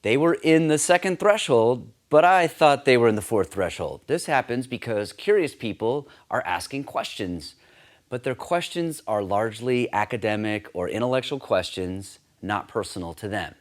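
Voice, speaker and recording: A man giving a scripted teaching talk on sharing faith, earnest and steady, lifting his voice when he acts out quoted lines. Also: mid-range voice, normal speed. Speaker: campus ministry teacher.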